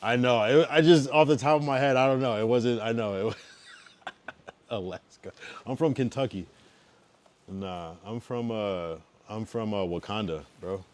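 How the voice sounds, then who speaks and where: A man in his thirties from the East Coast of the US, specifically Massachusetts and Connecticut, chats casually with livestream viewers. His voice is on the low side and his pace moderate. He's laid-back, drifting loud and then trailing off into mumbles.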